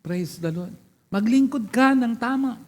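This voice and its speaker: A man's voice: very high-pitched, animated, a little slow, darkish tone. A man preaching a sermon as pastor, throwing questions and calls of praise to the congregation. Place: church hall. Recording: long church reverb.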